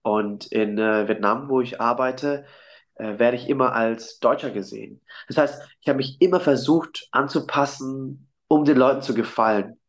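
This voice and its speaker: A man's voice: medium pitch, normal speed. A German-born man, a singer, talking earnestly and hesitantly in a casual interview, with many fillers and restarts, heard over a video call.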